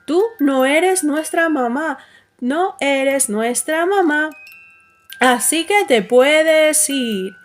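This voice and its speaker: Little storybook goat kids, voiced by a woman reading aloud speak in high, childlike tones. Their voices sound young, small and eager throughout. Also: animated, extremely slow, full character voice.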